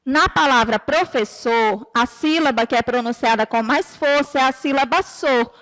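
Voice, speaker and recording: A Brazilian woman teacher giving a recorded lesson to children, explaining patiently and clearly and drawing out her example words. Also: high voice, normal speed, a bit bright, big-room sound. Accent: Brazilian Portuguese. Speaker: primary school teacher.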